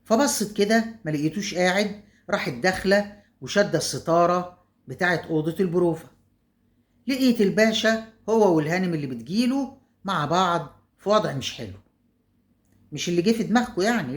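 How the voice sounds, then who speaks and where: A woman's voice: on the low side, expressive, a little fast. A woman with an Egyptian accent telling a story casually, chatty, with asides to her viewers. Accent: Egyptian Arabic.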